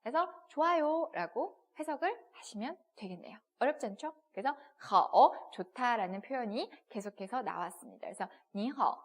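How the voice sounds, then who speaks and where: A woman's voice: a little high, expressive, brisk, hardly any pauses, husky. A woman teaching Chinese in a textbook video lesson, explaining step by step with rhetorical questions and modelling pronunciations. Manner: models pronunciations in short repeated syllables.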